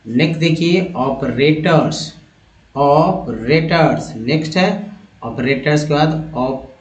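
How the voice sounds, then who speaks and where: A man's voice: on the high side, takes it slowly. A man teaching English word parts to viewers step by step, addressing them as friends. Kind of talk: spoken phonics lesson. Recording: echoey room, dull lo-fi sound.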